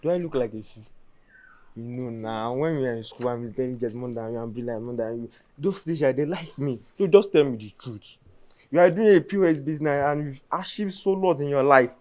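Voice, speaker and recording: A man's voice: mid-range voice, fairly quick, a little mellow, close to an everyday voice. A man playing a desperate young Nigerian man who begs and pushes insistently in a gospel comedy drama, speaking with a Nigerian Pidgin accent. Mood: pushy. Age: young adult. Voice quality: pleading, whiny, insistent.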